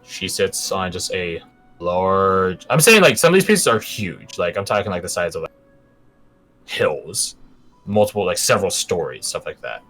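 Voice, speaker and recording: A man with a lowish, bright voice runs a tabletop game as game master. He sets scenes with dramatic pauses, then drops into casual explanation, with faint music behind him. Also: big pitch swings, husky. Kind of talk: narrating a tabletop game, scripted-sounding description mixed with casual asides.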